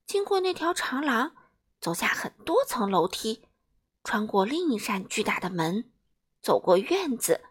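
A woman reading a children's story aloud, expressive and talking straight to the kids. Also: fairly high pitch, breathy edge. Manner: expressive, addresses children directly.

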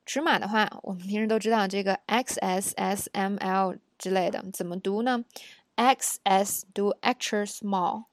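A woman's voice: medium pitch, fairly even intonation, moderate pace, few pauses, no room sound, clean studio sound. A woman teaching phrases in a patient, chatty way, with many fillers and asides to the learner when she says the examples. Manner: patient, conversational, with many fillers and tag questions. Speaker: English teacher. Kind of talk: explaining English phrases for shopping.

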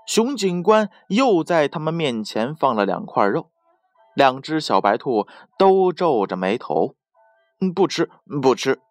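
A man narrating a children's bedtime story in a slow, gentle, soothing voice. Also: fairly high pitch, very animated, no room sound, soft background music.

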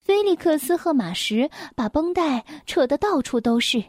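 A woman reading a children's picture book aloud, gentle, clear and expressive. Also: high-pitched, normal speed, no echo, studio quality. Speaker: storyteller.

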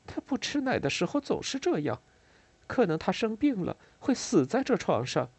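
A man's voice: very animated, normal speed, vocal fry, no echo, heavily acted. Man putting on a despairing young mother. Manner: high strained voice, sharply raised pitch. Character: anxious young mother, brusque and despairing woman.

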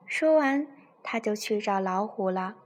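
A woman telling a bedtime story to her child as a mother, in a soft, tender, gentle way, with music playing faintly behind. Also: medium pitch, animated, a little slow.

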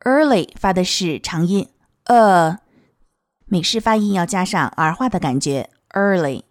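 A woman teaching English pronunciation of a children's song, modeling each sound slowly and clearly. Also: on the low side, lively intonation, dry recording, studio quality. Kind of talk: explaining song lyrics and pronunciation.

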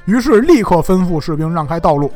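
A man's voice: sits high, sing-song, brisk, a little mellow, soft background music. A man telling a classic tale in a chatty, joking style with frequent asides. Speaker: storyteller. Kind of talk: comic storytelling of a classic tale.

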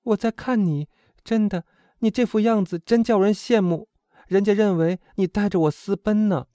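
A man's voice: sits high, moderate pace, warm tone, dry recording, clean studio sound, pitched above the performer's own voice, lightly acted. A man voicing a timid young woman who admires her bolder friend and worries about trouble. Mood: admiring. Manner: anxious, admiring.

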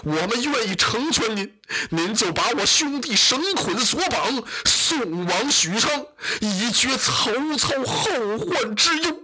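Young general, grief-stricken and defiant, husky sharp edge, lower voice, done by a storyteller. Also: expressive, takes it slowly, full character voice, poor audio. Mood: grieving. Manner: declaiming in lower, heavier voice. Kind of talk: traditional storytelling.

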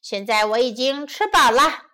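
Woman doing the Big Bad Wolf, low and drawling. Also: expressive, moderate pace, pushed and bright. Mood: puzzled. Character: big bad male wolf, greedy and sluggish.

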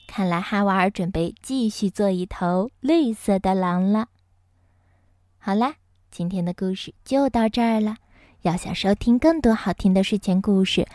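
A woman narrating a bedtime story in a gentle, soothing way. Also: mid-range voice, no room sound, studio quality.

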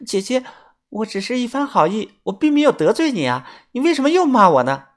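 Man playing a sweet coy young woman, storybook, high soft voice, pleading, meek. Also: expressive, normal speed, lightly acted.

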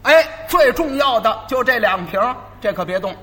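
A man playing an irritable, stingy shopkeeper who scolds in sharp bursts. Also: very high-pitched, lively intonation, normal speed, big-room sound, pitched above the performer's own voice, exaggerated voice. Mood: warning.

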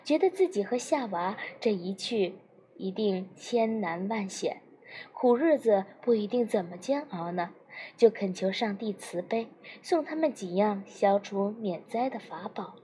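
A woman narrating a novel as an audiobook in an even storytelling manner. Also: medium pitch, unhurried, slight background noise.

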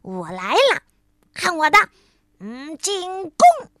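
A woman voicing a lively, stubborn little frog boy who exclaims excitedly. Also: high voice, measured pace, no echo, clean studio sound, heavily acted.

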